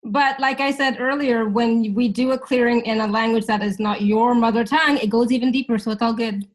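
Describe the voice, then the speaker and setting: A woman born in India and raised in Canada, whose first language is Hindi, leads a workshop, facilitating clearings in casual English. Her voice is on the high side and brisk with fairly even intonation. She's chatty and easygoing, laughs often, and keeps adding "right?"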